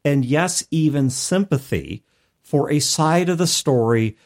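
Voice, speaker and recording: This man from the United States has a voice on the high side, animated yet a little slow and slightly mellow. As a podcast co-host talking about role-playing games, he makes his points in long, cautiously qualified sentences.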